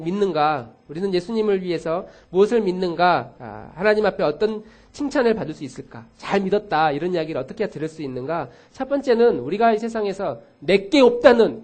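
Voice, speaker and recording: A middle-aged male pastor preaching a sermon in a church, telling stories with acted-out quotes and speaking straight to his congregation. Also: sits high. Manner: animated storytelling with acted quotes; addresses congregation directly. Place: church sanctuary.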